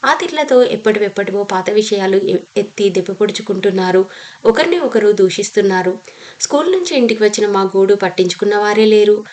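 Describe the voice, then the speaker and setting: A woman's voice: mid-range voice, fairly quick, a little mellow. A woman reading a novel aloud as an audiobook narrator, telling the story steadily and reading every character's lines in her own voice.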